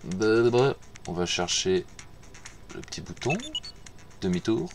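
A man's voice: on the low side, expressive, measured pace, slight background noise. A man gives casual commentary over his gameplay, muttering to himself, repeating words and swearing when he fails. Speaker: gamer playing on stream.

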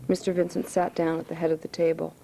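Author reading aloud: woman, dark gravelly voice, unhurried, school room. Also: low-pitched, monotone, a little hiss or hum, poor audio. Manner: plain, unhurried reading with asides. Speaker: author reading her novel. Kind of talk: reading a novel aloud to students.

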